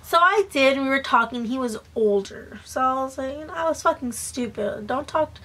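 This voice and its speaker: A young woman with a high voice tells a gossipy storytime to camera. She is chatty and slangy, swears freely, pokes fun at herself and acts out who said what. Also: animated, normal speed, bright, forceful tone, breathy edge. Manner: acts out quoted dialogue. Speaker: vlogger.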